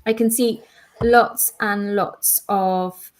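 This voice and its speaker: A woman's voice: mid-range voice, fairly even intonation, very slow. A woman co-hosting a live online quiz as education manager, explaining answers enthusiastically and at length. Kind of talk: casual live-stream chat.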